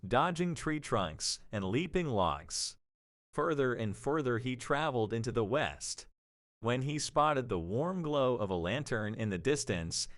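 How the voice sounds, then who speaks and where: This male audio-drama narrator tells his tale in a measured way, his pitch moving with animation. His register is mid-range and the sound is very dry, with no room tone at all.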